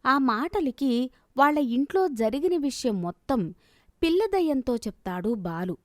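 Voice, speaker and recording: A woman narrates a storybook cartoon in a calm, steady way. Her voice sits a little high, and the recording is dry and close. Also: unhurried, dry recording.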